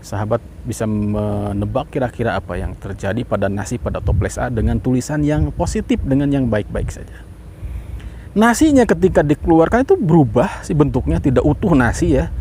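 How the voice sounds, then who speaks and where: A man, a parent, talking casually to viewers about an experiment he ran at home, lively and rising in pitch as he gets excited, briefly acting out the words he spoke. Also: a little hiss or hum. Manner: acts out quoted voices mid-talk.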